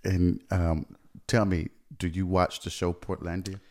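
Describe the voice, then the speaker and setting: A man's voice: sits low, level tone, measured pace, darkish tone. A young man hosting a casual podcast chat, laid-back and chatty, laughing often as he tells stories. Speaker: podcast host.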